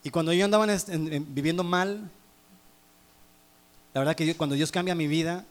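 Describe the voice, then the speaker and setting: A Mexican man preaching in a lively storytelling style, joking with and quizzing his congregation. His voice sits a little above the usual male range. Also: on the high side, fairly quick. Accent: Mexican Spanish. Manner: animated, humorous, teasing the congregation. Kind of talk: sermon with personal storytelling.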